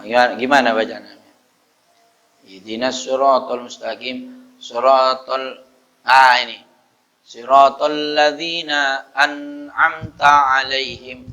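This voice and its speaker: A man teaching a mosque study session on prayer, slowly demonstrating recitation and then explaining in quick bursts. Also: on the high side, bright, forceful tone, poor audio. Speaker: religious teacher.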